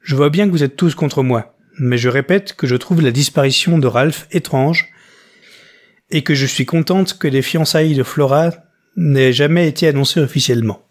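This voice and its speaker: A man's voice: a little high, moderate pace, lightly acted. A man voicing an older widowed mother who whines and turns tearful. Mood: stubborn. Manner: whining, tearful. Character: older widowed mother, whining, self-pitying.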